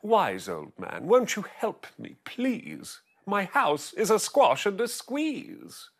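A man voicing a fussy, flustered little old woman who wails and pleads in a high voice. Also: huge pitch swings, slow pace, full character voice. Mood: pleading.

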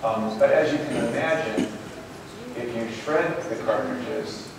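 A man's voice: mid-range voice, a little slow. A man on stage giving a conference keynote in a hotel ballroom, friendly and loose with frequent fillers. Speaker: program manager giving a keynote. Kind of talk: conference presentation. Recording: echoey ballroom from far off with hiss.

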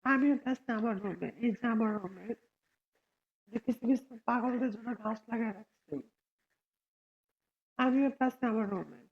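A hoarse woman with a cold, hosting a casual live stream and arguing sharply with viewers. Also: fairly high pitch, normal speed, long pauses, highs cut off. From Bangladesh. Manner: argumentative, answers viewers sharply.

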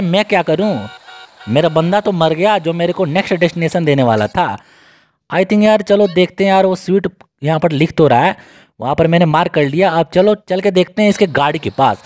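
A young man, giving casual, excitable, joking commentary on a video game as he plays and talks to his viewers. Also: fairly high pitch. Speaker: gaming YouTuber.

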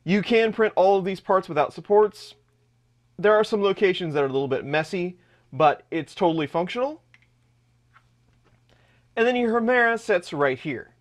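A man's voice: high voice, lively intonation, normal speed, pauses often. A man in his thirties hosting a hands-on 3D printer build vlog in his home workshop, explaining parts as he shows them. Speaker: channel host.

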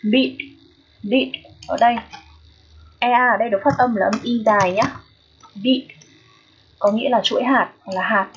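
A woman's voice: mid-range voice, highs cut off, slight background noise. A woman with a Vietnamese accent teaching English pronunciation, repeating each word and often checking that listeners follow. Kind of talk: phonetics lesson.

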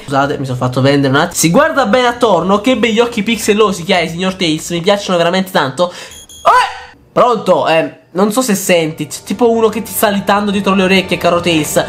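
High-voiced guy doing reaction vid, super excitable, yells a lot, some faint music behind. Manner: excitable, jokey, bursts into shouted reactions. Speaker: YouTuber host. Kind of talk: reaction video commentary.

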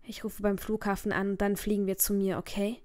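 A woman reading an audiobook, voicing a calm, protective young male rock star in a soothing, reassuring way. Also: mid-range voice, fairly quick, lightly acted.

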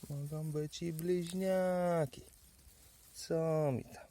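Slow, gravelly man talking to mushrooms. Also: on the high side, steady tone. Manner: playful, talks fondly to mushrooms like pets; drops to hushed murmurs now and then. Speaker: vlogger. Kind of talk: casual narration while foraging. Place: forest, outdoors.

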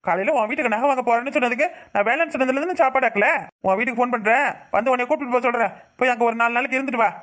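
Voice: medium pitch, rapid-fire, fairly bright tone, natural voice. A performer with a Tirunelveli Tamil accent voicing an irritable young husband who grumbles and scolds his wife in a cartoon. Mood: scolding. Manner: nagging, complaining rants. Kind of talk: cartoon voice acting.

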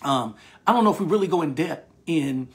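A man preaching and praying with a hoarse, gravelly rasp in a slightly raised register. He circles back to repeated phrases of thanks, stumbling and restarting as he builds his point. His delivery is earnest, in the manner of a church sermon given outside the usual building. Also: on the high side, lively intonation, fairly quick. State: scratchy, hoarse voice. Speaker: pastor. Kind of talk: prayer and sermon. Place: remote online service, outside the church building.

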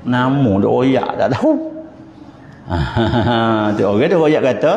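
A man's voice: medium pitch, mellow. A man with a Patani Malay accent giving an informal religious lecture in a mosque, chatty and explanatory, chanting verses now and then. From southern Thailand. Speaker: religious teacher. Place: mosque hall. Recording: echoey hall, dull lo-fi sound.

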